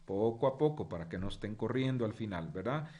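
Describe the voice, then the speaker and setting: Animated middle-aged male lecturer. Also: on the low side, fairly quick. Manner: animated, frequent tag questions and fillers. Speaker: university journalism lecturer. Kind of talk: online class lecture.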